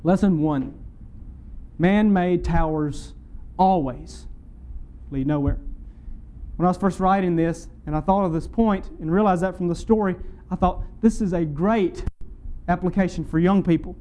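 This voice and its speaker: High-voiced, mellow preaching man. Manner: earnest preaching, emphatic rises and slow stressed phrases; addresses the congregation directly. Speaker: pastor. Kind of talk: sermon.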